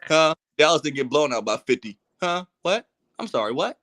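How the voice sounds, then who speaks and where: A man's voice: a little high, sing-song, normal speed, a bit bright. A man hosting a casual sports podcast, ranting in an exasperated, heated way with swearing and teasing of his co-hosts. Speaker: podcast host.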